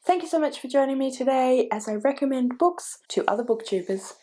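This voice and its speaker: Talking casually to camera, a woman who runs a book vlog recommends titles in a high, animated voice at a fairly quick pace, though it sounds stuffy and slightly croaky from a cold and warm and mellow rather than bright. Chatty and rambling, she doubles back and fixes herself midway through sentences.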